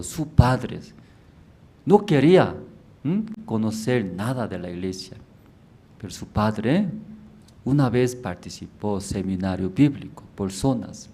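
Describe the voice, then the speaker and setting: Slow, animated man preaching a sermon. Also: fairly low pitch. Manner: simple storytelling with constant rhetorical questions. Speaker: pastor. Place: church.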